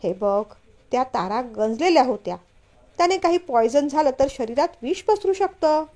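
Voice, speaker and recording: A woman's voice: high voice, animated, moderate pace. Woman voicing a stern scolding young husband. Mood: pleading. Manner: scolding, firm, louder.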